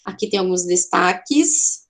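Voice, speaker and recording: A woman's voice: lowish voice, expressive, unhurried. A woman teaching an online art class, explaining in a chatty way with a Brazilian Portuguese accent, often checking in with her students and correcting herself.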